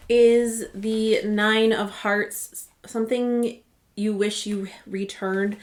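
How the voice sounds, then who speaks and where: Woman vlogger, casual and chatty, rambly asides, everyday voice. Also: mid-range voice. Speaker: beauty vlogger. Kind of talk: casual product walkthrough.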